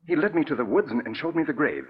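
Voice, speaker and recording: An actor with an American accent playing an anxious, scheming murderer in a 1940s radio drama, hesitant and melodramatic. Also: male voice, fairly high pitch, sing-song, fast talker, slightly rough, exaggerated voice. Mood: grave, shaken. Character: anxious, scheming male murderer posing as grieving brother. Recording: muffled old radio recording.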